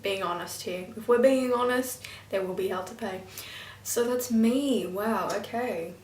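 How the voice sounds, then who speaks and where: Young woman fan review, rambly and excited, kinda far from the mic, echoey room. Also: mid-range voice, unhurried, slight background noise. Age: young, still in school. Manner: rambling and excitable, with frequent fillers and asides. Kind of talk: casual chatty review vlog. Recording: roomy echo, voice a little off-mic.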